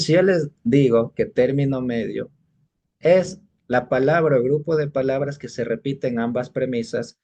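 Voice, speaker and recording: A man's voice: medium pitch, mellow. Patient man teaching a class, muffled. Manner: patient explaining, keeps checking in with short questions. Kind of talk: exam-prep lesson.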